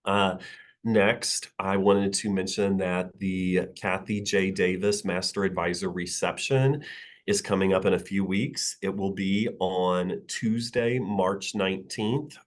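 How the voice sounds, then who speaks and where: A deep, low-pitched man with a stuffy, nasal sound from being sick. He delivers forum announcements in a measured, steady way, often pausing with "uh" between phrases. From Missouri. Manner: measured, frequent uh fillers. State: nasal from a cold. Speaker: director of advising center, forum host. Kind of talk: opening announcements at a virtual staff forum.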